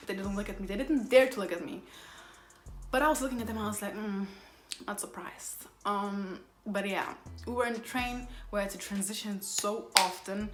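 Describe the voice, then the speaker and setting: Young female vlogger, animated storyteller, roomy echo, light background music. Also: medium pitch, brisk. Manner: animated, heavy use of "like", voice rising when angry. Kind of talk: storytime vlog. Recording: echoey room with faint music.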